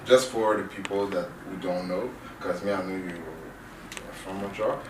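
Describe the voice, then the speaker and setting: A man hosting a radio interview, asking questions haltingly with many fillers and short casual replies. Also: deep voice. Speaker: radio show host. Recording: roomy, distant from mic, faint noise.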